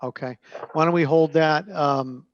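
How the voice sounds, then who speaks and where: 화상 통화로 들리는 차분한 남자. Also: male voice, fairly high pitch, steady tone. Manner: measured, hesitant, with frequent fillers. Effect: heard over a video call. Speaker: staff member presenting an application to a zoning board. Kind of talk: presenting documents page by page at a public meeting. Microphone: computer microphone on a video call. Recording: dull, narrow-band call audio.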